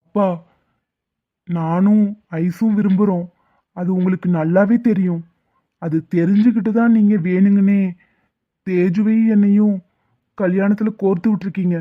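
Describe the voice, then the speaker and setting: A man's voice: sits high, fairly even intonation, normal speed, long pauses, close to an everyday voice. A man voicing a desperate, lovesick younger son who pleads and then turns fierce and bitter. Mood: pleading. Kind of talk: Tamil cartoon voice acting. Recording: tinny phone-like lo-fi audio.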